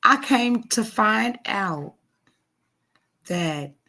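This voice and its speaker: Slow, gravelly woman in her forties. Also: medium pitch, lively intonation, pushed and bright. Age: 40s. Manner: emphatic and repetitive, addressing viewers directly. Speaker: livestream host. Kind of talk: casual live chat to supporters.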